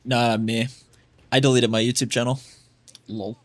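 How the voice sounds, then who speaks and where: A man's voice: medium pitch, level tone, unhurried. A man coaching a player through their gameplay in a casual, blunt way, full of "like" fillers. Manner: blunt, chatty, lots of fillers like "like". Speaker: game coach.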